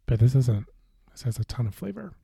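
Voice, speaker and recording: Man, podcast co-host, casual beer-tasting chat, hesitant, husky tone, dry close sound. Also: mid-range voice, a little fast, no room sound. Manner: relaxed, hesitant, with many fillers and restarts.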